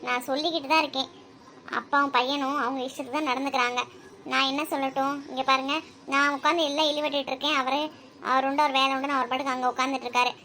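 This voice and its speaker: A woman's voice: sits high, little pitch movement, fast, sharp tone, slight background noise. A woman playing a harried, grumbling cartoon mother. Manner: complaining, scolding. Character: harried middle-aged mother, complaining and sharp.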